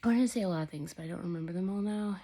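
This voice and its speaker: Young woman vlogger, husky low voice, candid and loose, a bit winded. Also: racing, mellow, poor audio. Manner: rambling, candid, laughs between thoughts. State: out of breath. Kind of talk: casual personal talk to camera. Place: sunny upstairs room at home.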